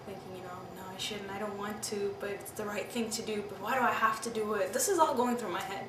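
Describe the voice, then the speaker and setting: Speaking fast in a steady, mid-range voice, this twenty-something woman from Pakistan recalls her experiences in a frank, thoughtful interview sprinkled with "you know" and "I mean." Background noise and a far-off mic give the audio a roomy feel.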